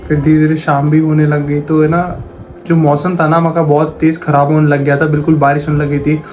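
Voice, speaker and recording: A horror storyteller tells a spooky story casually, retelling dialogue in a plain conversational voice and repeating phrases as he goes. His voice is a little high, slightly mellow, and delivered flatly at a slightly fast pace.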